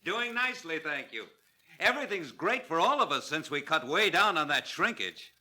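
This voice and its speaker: An actor playing a cheerful, folksy store manager, eager and chummy, in scripted training-film dialogue. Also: male voice, fairly high pitch, very animated, moderate pace, pushed and bright, exaggerated voice.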